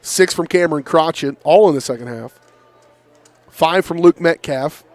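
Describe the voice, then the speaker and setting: Midwestern man, sports announcer, fairly high voice, hoarse, dry close sound. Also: no echo. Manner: brisk, rattles off scores and stats. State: voice going hoarse. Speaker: play-by-play announcer. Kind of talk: postgame sports wrap-up.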